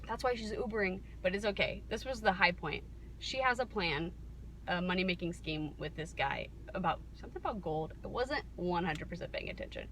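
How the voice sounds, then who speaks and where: A woman vlogger from Kansas, speaking in a mid-range voice, rambles through a casual story to camera while driving. Steady car noise fills the background as she wryly interrupts herself and performs bits of reported dialogue.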